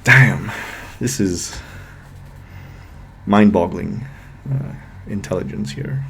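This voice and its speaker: A man's voice: on the low side, vocal fry, a bit bright, a little hiss or hum. Exasperated man reacting with sarcasm. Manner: exasperated, sarcastic, swears, slows down to stress points. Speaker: political commentator. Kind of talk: reaction video commentary.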